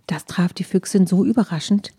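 A woman narrating a children's audiobook with expressive storytelling. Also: mid-range voice, brisk, breathy edge, no echo.

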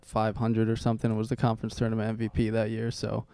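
Young guy on a podcast, kinda gravelly, modest, lots of ums. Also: on the low side, completely flat delivery, quick pace, mellow, dry recording. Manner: modest, hesitant with many ums. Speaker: podcast guest, baseball player. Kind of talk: casual podcast chat.

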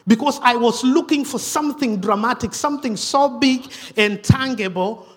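A male preacher with a high voice and a husky edge delivers a sermon in a church. He swings between raised, emphatic lines and a hushed whisper, often repeating himself as he goes. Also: normal speed. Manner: dramatic drops to a hushed whisper; repeats himself, self-correcting restarts.

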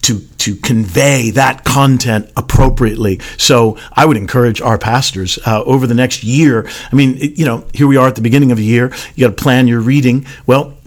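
An older man in casual conversation, speaking earnestly and haltingly with many restarts. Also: medium pitch. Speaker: podcast guest pastor.

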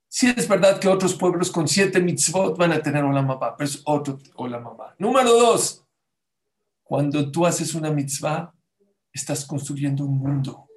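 Animated storytelling rabbi, a man. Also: on the high side. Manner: storytelling, animated, acts out quotes; addresses audience with questions. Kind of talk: Torah sermon.

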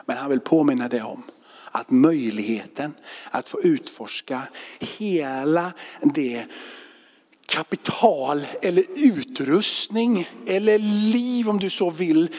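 Guy pastor chatting through a sermon, kinda high voice, church echo all around. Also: lively intonation, darkish tone. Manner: informal, conversational preaching with fillers and repeats. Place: church sanctuary. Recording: reverberant church hall.

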